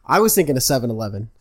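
A young man co-hosting a podcast in casual chat, joking and laughing often. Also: mid-range voice. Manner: laughing, joking, quick to riff. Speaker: podcast co-host.

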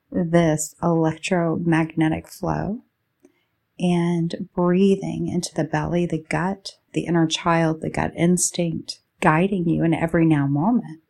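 Leading a guided meditation, a woman speaks in a deep, creaky voice with soft edges, offering soothing words in short, stretched-out phrases.

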